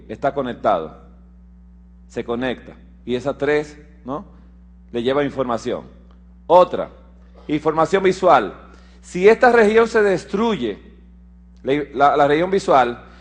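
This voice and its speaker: A man giving a sermon mixed with a medical lecture, explaining step by step and checking that listeners follow, moving between emphatic raised passages and quiet low asides. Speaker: preacher and physician.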